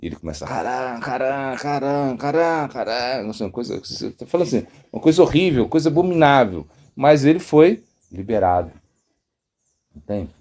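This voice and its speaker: Man from Brazil, monk's sermon, mellow tone, lively pitch, rambling with restarts and quoted voices. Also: quick pace. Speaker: monk teaching devotional yoga. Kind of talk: sermon, spiritual talk.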